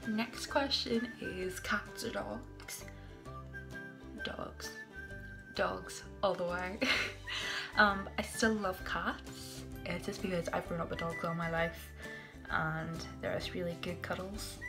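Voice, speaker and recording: With music playing in the background, this young Northern Irish vlogger talks casually to a phone camera held at arm's length inside a small tiled bathroom. Her lowish, gravelly voice is slow and steady, broken by giggles and whispered asides.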